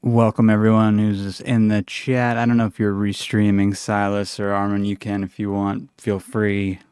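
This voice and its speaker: A man hosting a casual livestream chat over a video call, relaxed and halting with fillers. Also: fairly low pitch, clear, resonant tone, dry recording, studio quality. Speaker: host.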